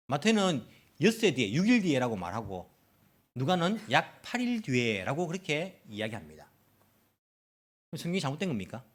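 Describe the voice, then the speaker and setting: A male pastor giving a Sunday sermon in a church, often asking the congregation questions and acting out quoted lines. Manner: animated, acts out quoted lines with rising pitch; asks the congregation frequent questions. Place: church in Tokyo.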